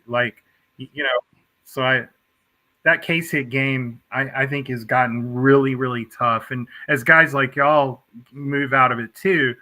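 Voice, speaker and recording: A man's voice: mid-range voice, fairly even intonation, a little slow, pushed and bright, poor audio. A man co-hosting a casual podcast chat, talking in a loose, filler-heavy way with stumbles and restarts. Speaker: podcast co-host.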